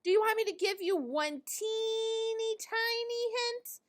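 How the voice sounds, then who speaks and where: Woman voicing Big Bird, high and eager. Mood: eager, impatient. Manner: excitable, pleading, drawn-out eagerness. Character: eager, impatient, childlike big male bird.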